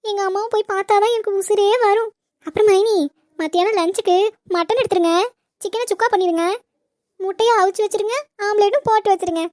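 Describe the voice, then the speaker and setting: A woman voicing a bossy, whiny young wife in a cartoon comedy, pleading in a shrill, whining way. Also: fairly even intonation, quick pace, a little mellow. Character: bossy, whiny young wife who beats her husband. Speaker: visiting sister-in-law.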